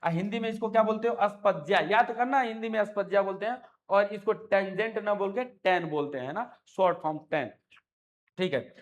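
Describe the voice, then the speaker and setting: A man's voice: high-pitched, brisk. A male maths teacher explaining a lesson, coaxing his students with affectionate call-and-response questions and repeated check-ins. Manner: affectionate, repeats "है ना" and "ठीक है बाबू". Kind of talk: classroom explanation.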